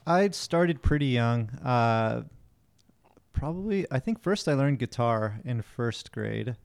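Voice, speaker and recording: A musician from Miami chats as a guest in a casual interview, easygoing, friendly and slightly hurried. His mid-range voice is expressive, creaky, darkish and smooth.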